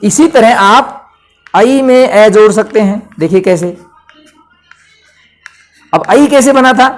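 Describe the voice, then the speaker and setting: A man's voice: high-pitched, takes it slowly, soft background music. A man teaching a grammar lesson for exam preparation, patiently explaining step by step and asking the listener questions as he goes.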